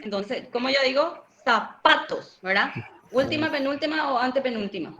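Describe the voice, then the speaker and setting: A woman's voice: high-pitched, lively intonation, a little fast, fairly bright tone, lo-fi sound. A woman teacher giving a grammar lesson, patiently questioning her students. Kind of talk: online Spanish grammar lesson.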